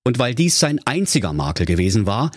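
Husky man reading a comic fairy tale. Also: mid-range voice, fairly quick, dry recording, studio quality. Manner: lively, mock-solemn. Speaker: storyteller.

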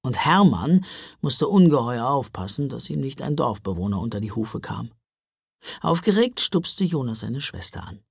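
Lively, husky male storyteller. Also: medium pitch, normal speed, no echo, clean studio sound. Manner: expressive storyteller. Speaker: narrator. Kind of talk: children's audiobook narration.

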